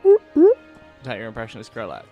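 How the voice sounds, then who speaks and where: A man's voice: medium pitch, huge pitch swings, normal speed, muffled recording, faint music behind. Young male co-host; dry, chatty anecdotes over gameplay. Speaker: gaming podcast co-host. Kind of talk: casual chat over gameplay.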